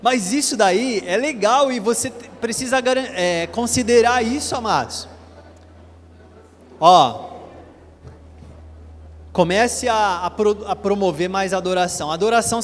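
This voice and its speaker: A male Brazilian pastor preaching to a large church, energetically drilling the congregation in chanted repetition. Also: high-pitched. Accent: Brazilian Portuguese. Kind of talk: sermon leading congregation call-and-response. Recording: church hall reverb, faint ambience.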